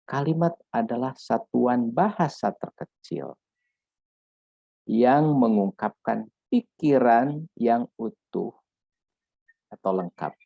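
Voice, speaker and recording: A man's voice: mid-range voice, gravelly, husky, dry recording. A man lecturing on grammar in a patient, repetitive way, checking in with "ya" often. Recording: dull lo-fi dry recording.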